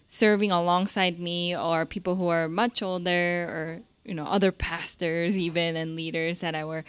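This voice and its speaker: A young woman telling her side of a story, hesitant with many pauses and fillers, laughing lightly. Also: lowish voice, steady tone, clean tone. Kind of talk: casual testimony.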